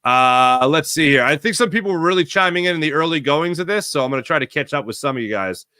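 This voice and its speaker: A man hosting a casual sports podcast, reading viewer chat with sarcastic, animated commentary. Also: fast, smooth, dry recording, clean studio sound. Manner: reads ad copy with big pitch swings. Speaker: podcast host.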